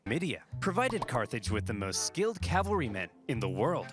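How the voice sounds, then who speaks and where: A man's voice: mid-range voice, big pitch swings, a little fast, music in the background. A man giving a scripted, comedic narration of history, as the narrator of a video.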